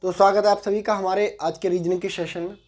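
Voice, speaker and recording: A man's voice: high voice, little pitch movement, a little mellow. A man in his twenties teaching a reasoning class, mixing English into Hindi, asking tag questions and repeating words as he writes. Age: 20s. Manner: slow, repeats words while writing on a board. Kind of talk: exam-prep lesson.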